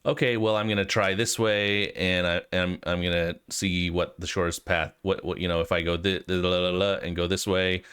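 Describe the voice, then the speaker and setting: With little pitch movement, normal speed and few pauses, this American man's low voice sounds smooth and a bit bright. He's the host of a programming tutorial and has a cold, explaining in an easygoing, informal manner and hesitating as he thinks through things aloud.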